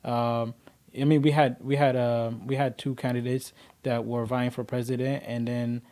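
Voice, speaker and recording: A man's voice: medium pitch, little pitch movement, moderate pace, warm tone. A man in his twenties, from Kenya, telling his personal story as a podcast guest in an earnest, rambling way with lots of fillers.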